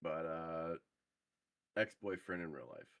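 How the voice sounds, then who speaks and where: A young man chatting casually over group voice chat while gaming, hesitant and halting with lots of fillers. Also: rumbling low, a bit bright, no room sound, studio quality. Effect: heard over group voice chat.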